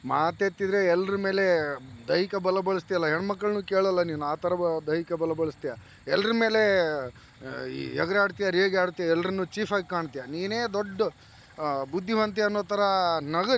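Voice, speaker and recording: A man giving reality show commentary, lecturing and scolding a contestant directly. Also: fairly high pitch.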